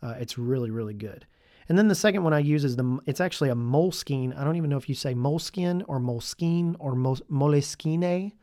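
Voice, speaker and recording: Guy chatting about his gear, mid-pitched, dry close sound, keeps saying "really, really". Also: animated, fast talker, mellow, dry recording. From Tennessee. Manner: chatty, enthusiastic, repeats himself. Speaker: podcast host, youth minister. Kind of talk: casual gear review.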